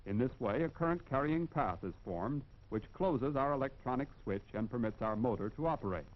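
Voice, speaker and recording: Animated and brisk, an American man with a medium-pitched voice delivers scripted narration for a 1940s industrial film. The reading is formal, instructive and emphatic, and the audio has the dull, band-limited quality of an old film soundtrack.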